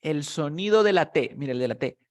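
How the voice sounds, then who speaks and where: A man with a slightly raised voice teaches English pronunciation on a video call, speaking through a computer mic. He explains patiently in Spanish, models each sound slowly and keeps checking that his student follows. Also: on the high side, expressive. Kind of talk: online one-on-one English lesson.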